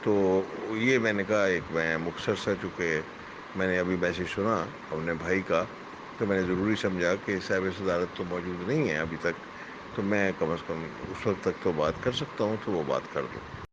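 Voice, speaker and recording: A man with a fairly low voice talks through a poem's wording in a patient, courteous, explanatory way. The sound is muffled, as on an online call, and there is clear background noise with traffic passing. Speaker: literary critic at an online poetry meeting. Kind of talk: spoken critique of a poem. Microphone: online call audio.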